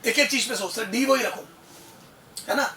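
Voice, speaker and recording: A man teaching physics in a lively exam-prep lecture, with a very high, bright voice that keeps asking rhetorical questions. He sounds off-mic in an echoey room, with faint ambience behind him. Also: normal speed, recorded from a distance. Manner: animated, asks rhetorical questions, calls listener son.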